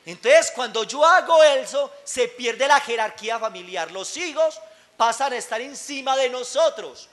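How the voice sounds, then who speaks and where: Pastor, bright forceful tenor, emphatic live sermon with shouted peaks. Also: male voice, very high-pitched, lively intonation, moderate pace. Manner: emphatic, rising to shouts on key words; asks the congregation rhetorical questions. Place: church service, recorded live.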